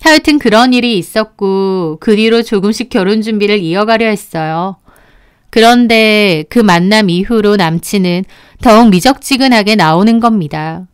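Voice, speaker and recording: Smooth-voiced woman narrating a story. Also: mid-range voice, normal speed. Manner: even, storytelling delivery. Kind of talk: scripted first-person story narration.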